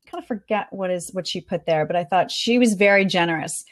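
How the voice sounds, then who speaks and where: A woman chatting casually as a podcast guest, recapping conference talks in an animated way with plenty of fillers. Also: lowish voice, fast talker. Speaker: guest reporting on a marketing conference.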